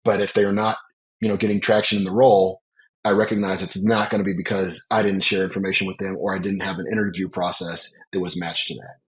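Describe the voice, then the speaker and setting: Husky-voiced man, earnest podcast guest. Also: low-pitched, level tone, fast, low-quality recording. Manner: earnest, reflective, emphatic. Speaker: business leader guest. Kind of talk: podcast interview.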